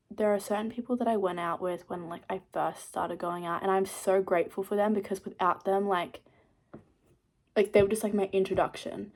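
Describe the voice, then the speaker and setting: A young woman vlogging casually to camera, rambling with lots of fillers and self-mocking asides. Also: medium pitch.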